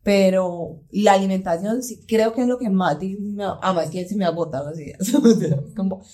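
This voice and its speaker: Chatty Colombian woman with a mellow voice. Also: medium pitch, fairly quick. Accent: Colombian Paisa. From Colombia, Pereira. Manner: animated, acts out her child's voice in quotes. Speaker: guest, mother and entrepreneur. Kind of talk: casual conversational chat.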